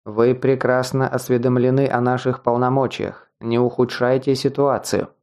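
A man voicing a male chief guard who speaks calmly and mechanically, like an official. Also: mid-range voice, moderate pace, natural voice. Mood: cold. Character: cold male chief guard, law enforcer.

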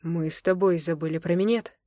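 A woman's voice: fairly low pitch, fairly even intonation, a little fast, dark tone, dry recording, clean studio sound, natural voice. A woman voicing a teasing young husband. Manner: teasing, drawling, amused. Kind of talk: audiobook character voice.

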